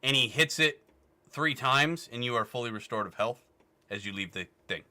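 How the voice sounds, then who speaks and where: Bright, crisp male game master, casual and crude, easy laughs. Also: mid-range voice, animated, moderate pace. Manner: casual, swearing, laughing narration. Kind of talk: narrating a tabletop game.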